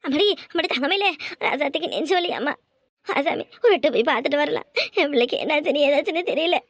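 A woman's voice: high voice, fast, no echo. A woman with a southern Tamil Nadu accent voicing an anxious older village mother who pleads and laments. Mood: anguished. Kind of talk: cartoon voice acting.

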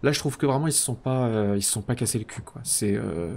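A man in casual live-stream commentary at a middle pitch, talking half to himself as he places parts and counts them off. He keeps breaking into mock-pompous, self-ironic asides. A faint hiss sits under the voice. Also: animated, fast, vocal fry, a little mellow. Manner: thinking aloud, counting and muttering while building. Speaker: streamer playing a factory-building game.

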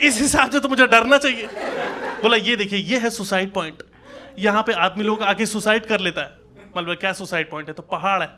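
This stand-up comedian from Uttar Pradesh, India, has a high, sharp voice and talks fairly fast, telling colloquial, conversational stories and voicing dialogue within them. He's on a handheld stage microphone in a small indoor comedy club, doing live observational storytelling. Audience laughter and crowd noise run through the live recording.

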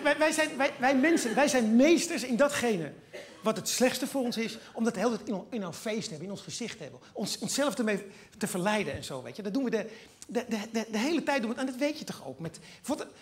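Man, stand-up comedian, middle-aged, high voice, rapid rambling delivery, animated asides. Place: theatre stage before an audience.

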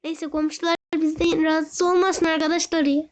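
A young gaming host giving excited gameplay commentary, often shouting and wailing as he talks straight to his viewers. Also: extremely high pitch, normal speed. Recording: dull lo-fi recording.

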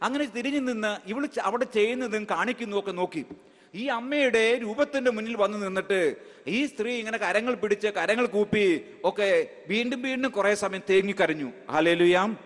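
A man's voice: high-pitched, normal speed, a bit bright. A male priest preaching a sermon emphatically, calling out hallelujah and asking the crowd rhetorical questions. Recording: long hall reverb.

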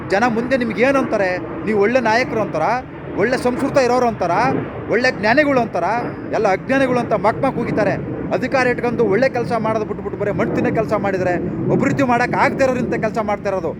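A man's voice: very high voice, fast. A man, delivering an impassioned monologue full of rhetorical questions and repeated phrases, recorded outdoors near traffic. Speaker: political commentator.

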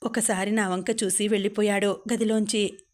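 A woman's voice: medium pitch, moderate pace. Woman narrating a novel evenly. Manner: steady, even reading. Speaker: audiobook narrator.

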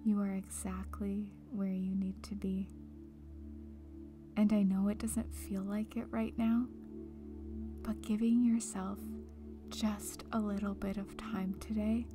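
A meditation guide and breakup coach leads a meditation in a very soft, breathy voice of medium pitch that often nears a whisper. She moves slowly and calmly with long, gentle pauses, and clear music plays in the background.

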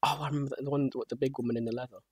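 Young man, husky voice, dry rambling banter, close dead-sounding mic. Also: medium pitch, little pitch movement, racing, no room sound. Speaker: co-host. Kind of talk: casual chat while gaming.

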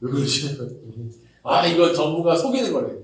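A man preaching a casual sermon to young adults, animated, acting out quoted voices with chatty asides. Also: fairly high pitch, normal speed, far from the mic. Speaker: pastor. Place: church worship hall. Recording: roomy echo, speaker away from mic.

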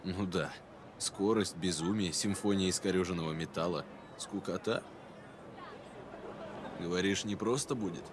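An actor playing a cool, sardonic young male mercenary racer in a video game, laconic and deadpan. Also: low-pitched, moderate pace, pauses often, natural voice. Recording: clear outdoor and vehicle noise.

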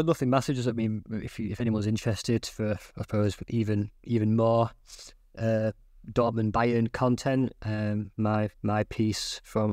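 A man chatting casually as a football journalist guest on a podcast, halting and repeating words as he thinks. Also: on the low side, darkish tone, dry recording, studio quality.

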